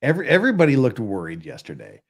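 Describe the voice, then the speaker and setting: An American livestream host chats and jokes at a racing pace, his medium-pitched voice swinging hugely in pitch. He keeps cutting himself off mid-sentence.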